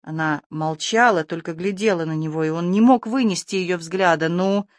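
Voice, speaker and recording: An audiobook narrator giving a measured, even literary reading. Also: mid-range voice, dry recording.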